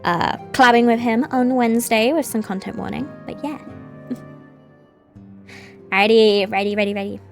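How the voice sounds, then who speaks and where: A woman's voice: on the high side, fairly even intonation, a little slow, creaky, pauses often, faint music behind. A woman live streamer chatting casually to her viewers in a playful, rambling, giggly manner.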